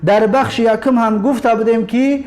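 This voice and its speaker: A man with a Tajik accent teaching an Arabic lesson on video, opening with formal religious greetings and repeating words slowly to drill pronunciation. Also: very high voice, fairly even intonation, a little mellow.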